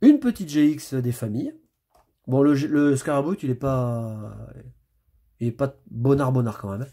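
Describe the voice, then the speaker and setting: A man with a husky, slightly rough voice at a middle pitch talks his way through opening trading card packs. He rattles off card names as he flips and reacts to each pull in a loose, chatty way. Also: animated, a little slow, warm tone. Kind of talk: casual pack-opening commentary.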